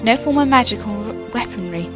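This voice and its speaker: A woman's voice: on the high side, animated, a little fast, close to an everyday voice. A woman playing a gracious, resolute young princess in an amateur fantasy radio play, speaking formally and earnestly. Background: loud music.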